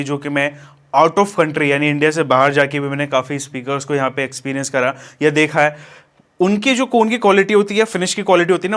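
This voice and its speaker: A man talks through an unboxing in a loose, chatty way. His voice sits a little higher than most men's. He calls the viewers friends and fills his pauses freely. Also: fairly bright tone. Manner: casual, addresses viewers as friends, many fillers. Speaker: DJ equipment vlogger. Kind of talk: product unboxing review.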